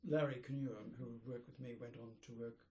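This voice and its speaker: An older man, an architect, reminiscing in an interview, rambling and pausing to search for names. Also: medium pitch, steady tone, darkish tone. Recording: roomy echoey room.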